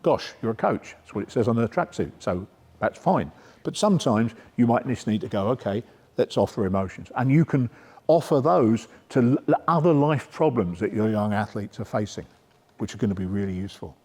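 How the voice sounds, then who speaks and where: Middle-aged male lecturer, mellow voice, informal workshop delivery, reverberant hall. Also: medium pitch, normal speed, slightly rough. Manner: conversational, checks in with "yeah?". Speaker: sport psychology speaker. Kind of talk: coaching workshop talk.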